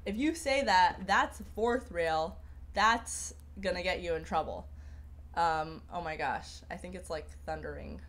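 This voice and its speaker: A young woman of Persian heritage hosts a casual livestream, rambling through viewer comments with plenty of fillers and restarts. Her voice sits on the low side, a bit bright, animated yet measured in pace.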